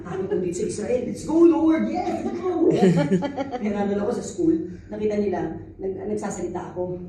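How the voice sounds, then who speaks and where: A woman from the Philippines preaches in a casual, lively way, laughing often and slipping into the voices of people she quotes. She is heard from a distance in a very echoey church hall. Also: mid-range voice, normal speed, slight background noise. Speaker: preacher, pastor's wife. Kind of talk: conversational sermon mixing English.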